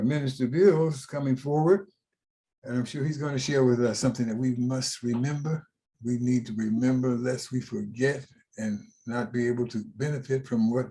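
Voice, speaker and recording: A man's voice: medium pitch, mellow. A man leading a church service, speaking in rhythmic, repeated phrases.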